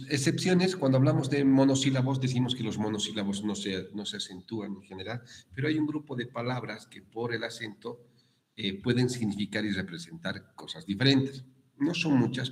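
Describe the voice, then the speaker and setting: A man with a Bolivian Spanish accent giving a university prep lesson on written accents, explaining slowly with frequent fillers and self-corrections. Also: lowish voice. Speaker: guest lecturer.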